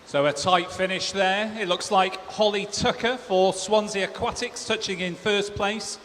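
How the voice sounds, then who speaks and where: A high-voiced man announces races in a formal, orderly style. His voice carries with long reverb through a large hall, with background noise clearly audible. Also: unhurried, a bit bright. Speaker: swim meet announcer and commentator. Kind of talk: formal race announcing, listing lanes, names and results. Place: large indoor swimming pool hall.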